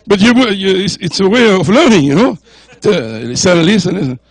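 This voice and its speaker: Older male guest preacher, high voice, dry close sound, jokey and easygoing, slips between three languages. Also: sing-song, unhurried, breathy edge, dry recording. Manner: jovial, joking with the congregation; mixes French, English and Spanish. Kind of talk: sermon. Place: church.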